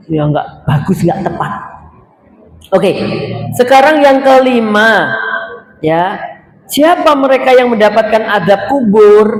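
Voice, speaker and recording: A man with a Javanese accent gives a lively sermon in a high, bright-edged voice, joking and slipping into little acted dialogues. The sound rings around an echoey hall over a steady hiss of noise. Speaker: preacher at a women's religious study group. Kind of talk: lively sermon to a live audience.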